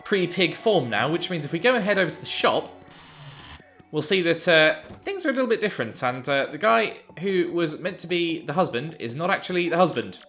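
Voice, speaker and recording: A man's voice: on the high side, lively intonation, brisk, a bit bright. A man giving casual, amused commentary over a video game playthrough, with frequent ums and uhs. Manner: chatty, amused, hesitant with many ums. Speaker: let's play commentator.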